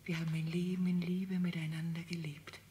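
A woman's voice: fairly low pitch, fairly even intonation, measured pace, slight background noise. A desperate aging mother. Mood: hushed pleading. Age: older. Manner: pleading, mostly in hushed whispers. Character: aging mother desperate to see her dying husband. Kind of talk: radio play acting.

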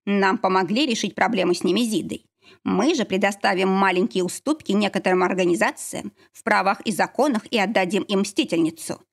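A woman's voice: mid-range voice, a little fast, creaky. Woman voicing a stern, commanding old werewolf leader in an audiobook.

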